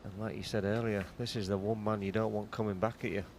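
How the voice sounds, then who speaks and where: A man giving hushed live snooker commentary in an understated, conversational and analytical way. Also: fairly low pitch, little pitch movement, fast, slight background noise.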